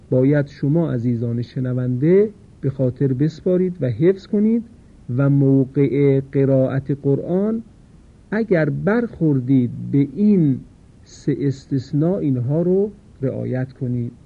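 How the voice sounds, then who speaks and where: A man teaching a Quran recitation lesson, explaining rules patiently and slowly drawing out the example words. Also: medium pitch. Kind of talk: tajweed lesson. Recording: tinny phone-like lo-fi sound.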